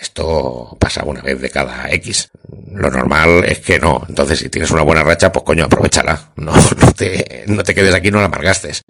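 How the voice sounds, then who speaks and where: Deep husky man hosting a podcast. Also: moderate pace, fairly bright tone. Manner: chatty, repeats words for emphasis. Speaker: podcast host. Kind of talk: casual podcast talk.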